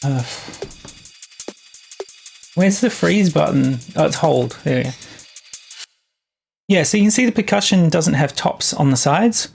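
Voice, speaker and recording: A young adult music producer streaming live, chatting casually with viewers in a halting, think-aloud way while working on tracks. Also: medium pitch, gravelly, darkish tone.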